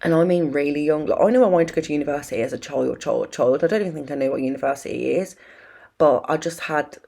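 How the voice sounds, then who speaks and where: This young adult British host of a self-help video has a low-pitched, creaky, darkish voice with a slight wheeze. She talks to viewers casually, rambling and confiding informally.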